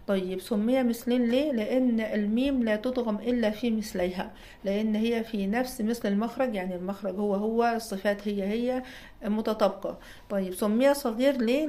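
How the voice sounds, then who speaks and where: A woman's voice: mid-range voice, darkish tone. A woman with an Egyptian Arabic accent gives an explanatory lecture as a recitation teacher. She asks and answers her own questions and checks in with her listeners.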